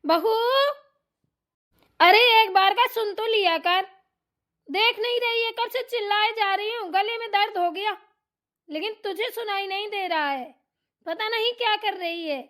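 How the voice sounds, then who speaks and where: A woman's voice: normal speed, a little mellow, natural voice. A woman voicing a nagging older mother-in-law. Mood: scolding. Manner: shrill, bossy, insulting. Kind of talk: cartoon comedy voice acting.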